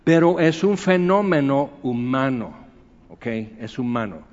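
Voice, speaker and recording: A man, preaching a sermon in a relaxed, conversational storytelling way. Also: mid-range voice, unhurried, big-room sound, highs cut off. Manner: anecdotal, conversational storytelling with acted quotes. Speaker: pastor.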